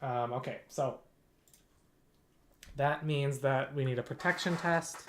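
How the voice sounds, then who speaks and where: A man running a tabletop role-playing game as game master, talking slowly with many pauses and fillers. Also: mid-range voice, a little hiss or hum. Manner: slow, halting, many fillers.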